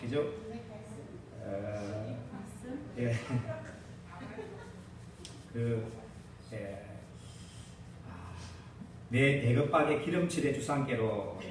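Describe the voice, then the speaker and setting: A male pastor preaching a sermon and leading a responsive reading, asking his congregation questions and answering them himself. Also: mid-range voice. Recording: echoey, distant mic, faint noise.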